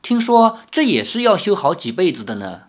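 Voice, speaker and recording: A man voicing a gentle sixteen-year-old girl in a storybook reading, soft and coaxing as she makes peace. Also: high voice, big pitch swings, moderate pace, voice pushed up.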